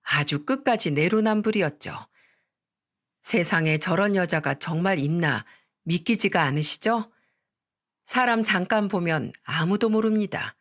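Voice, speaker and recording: A woman narrating a first-person story for a story radio channel in a steady, conversational way. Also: lowish voice, measured pace.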